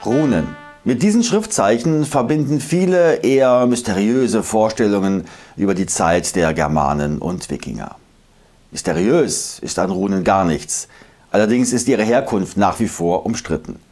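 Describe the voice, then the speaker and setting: Deep-ish male voice, animated pitch, emphatic explainer reciting old verses, educational narration. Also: moderate pace, soft background music. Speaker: history video host.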